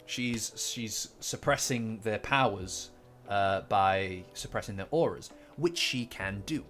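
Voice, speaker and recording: A man's voice: lowish voice, takes it slowly, fairly bright tone. A man hosting a casual livestream, rambling with many fillers, repeated words and restarts. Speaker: manga commentary livestream host. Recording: faint lofi music behind. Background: faint lofi guitar music.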